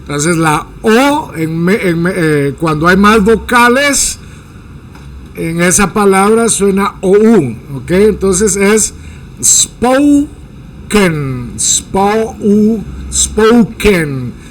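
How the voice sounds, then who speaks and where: A man teaching English pronunciation in a casual, joking lesson, drawing out each sound slowly to demonstrate it. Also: sits high, slight background noise, poor audio. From Guatemala. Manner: slow, drawn-out demonstration of sounds, playful jokes.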